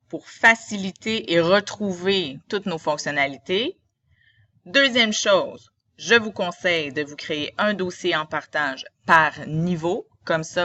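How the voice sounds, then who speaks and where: A woman with a Quebec French accent narrates a software tutorial as a teacher. Her voice is bright and forceful, and she takes her time, guiding the listener step by step. The recording is a little lo-fi. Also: on the low side. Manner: didactic, step-by-step. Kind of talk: scripted-style screen tutorial narration.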